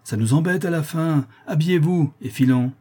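A man's voice: medium pitch, animated, normal speed, mellow, close to an everyday voice. A man voicing a hard-hearted bailiff's officer who speaks in a mocking, sardonic way.

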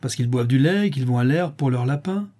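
A man's voice: medium pitch, lively intonation, brisk, warm tone, natural voice. A man reading aloud and voicing a spiteful, mocking one-eyed old woman crook. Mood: wheedling. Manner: mocking, wheedling, sneering.

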